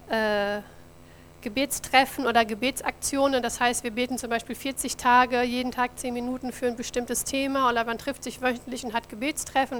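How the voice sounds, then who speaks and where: Speaking in a slightly high, somewhat bright voice over faint background noise, a mission office coordinator from Germany reports on her work to a church audience. She uses slides and keeps the talk friendly, speaking straight to her listeners.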